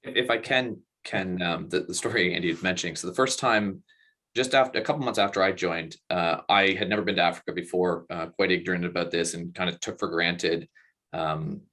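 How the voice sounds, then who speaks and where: A man's voice: low voice, brisk, bright, forceful tone. A man telling a personal story in an interview, earnest and reflective. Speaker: guest, company co-founder.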